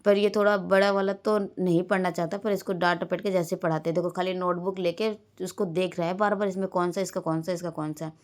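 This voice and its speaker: A mother narrates her busy day in a loose, rambling voice-over for a home vlog, often slipping into her children's words. Her voice sits on the low side for a woman. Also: little pitch movement, fairly quick, hardly any pauses. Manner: rambling everyday storytelling, quoting her children. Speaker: vlogger and mother.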